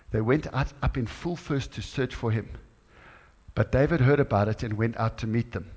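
Animated male preacher in a reverberant church. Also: mid-range voice, husky. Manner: animated, rising to exclamations and acting out dialogue. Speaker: guest preacher. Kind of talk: sermon. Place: church hall. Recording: church hall with long reverb.

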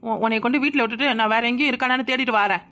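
A woman's voice: on the high side, rapid-fire, pushed and bright. A woman voicing a practical younger village woman who keeps reassuring her elder, with a Kanyakumari Tamil accent. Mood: coaxing. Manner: coaxing, reassuring.

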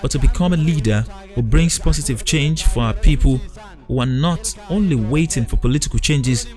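A man narrating a news documentary in a measured, even reading voice. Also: medium pitch, faint music behind. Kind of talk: scripted news voice-over.

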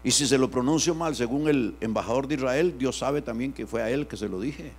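Man preaching with loud-soft swings. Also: mid-range voice, brisk. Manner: animated preaching with sharp swings from loud to hushed. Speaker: pastor. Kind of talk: sermon.

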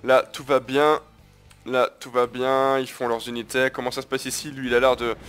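A man's voice: medium pitch, flat delivery, moderate pace, a bit bright, clear, resonant tone, faint music behind. A man hosting his gaming video, talking viewers through a strategy match in a casual, crude, chatty way. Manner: chatty, crude slang, keeps addressing viewers as guys. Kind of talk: casual live gameplay commentary.

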